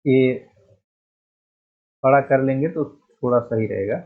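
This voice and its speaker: A man teaching an exam-prep grammar lesson, explaining each point deliberately and repeating the correct word. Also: mid-range voice, narrow, tinny audio. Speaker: Hindi teacher.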